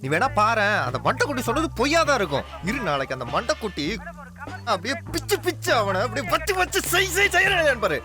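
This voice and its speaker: A rowdy sidekick fires off quick, loud retorts that jump up and down in pitch. He is an excitable young friend in a film comedy. Music hums under the squabbling. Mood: quarrelsome. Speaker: friend Jack.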